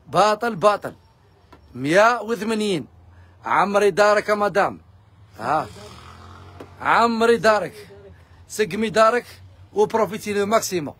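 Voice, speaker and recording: A man with an Algerian accent, pitching fabric discounts in a pushy live sales video. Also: a bit bright, slightly rough. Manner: rapid, pushy hawking to viewers. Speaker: fabric shop seller.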